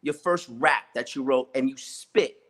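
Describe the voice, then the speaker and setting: A man's voice: medium pitch, measured pace, fairly bright tone. A man hosting an interview, asking long, rambling questions full of hesitations. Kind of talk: casual interview talk.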